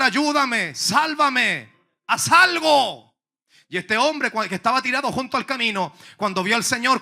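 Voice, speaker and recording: A man pastor preaches with fervent, emphatic drive. His voice sits high for a man and has a gravelly edge. The tone is sharply bright and forceful. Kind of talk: sermon.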